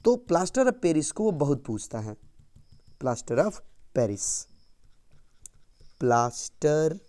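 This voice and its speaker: Guy teaching board exam science, kinda high voice, keeps asking and answering himself. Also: normal speed. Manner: lively, repeats key terms, asks and answers his own questions. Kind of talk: exam-prep science lesson.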